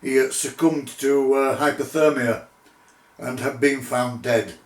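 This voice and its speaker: A middle-aged man telling his own paranormal investigation story in a measured, deliberate way, with pauses. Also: medium pitch, fairly even intonation. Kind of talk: unscripted spoken storytelling. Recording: roomy echo, distant microphone.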